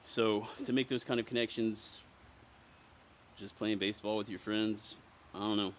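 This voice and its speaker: Thoughtful low-voiced man. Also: steady tone, moderate pace, slight background noise. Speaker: amateur baseball player. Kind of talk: reflective interview.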